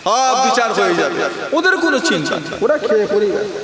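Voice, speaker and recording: A man preaching a sermon to a gathering, chanting in a sing-song way and climbing to loud, impassioned peaks. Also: sits high, sing-song, fast, heavy reverb, a loud crowd. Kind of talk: Bengali religious sermon at a public gathering. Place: outdoor gathering with a crowd.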